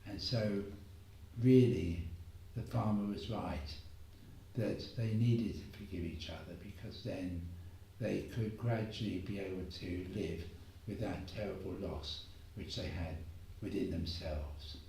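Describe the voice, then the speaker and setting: A man telling a moral story as a gentle, unhurried homily, pausing often. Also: low-pitched, creaky, a little hiss or hum. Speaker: preacher. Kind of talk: reflective spoken homily. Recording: echoey room, voice far from mic.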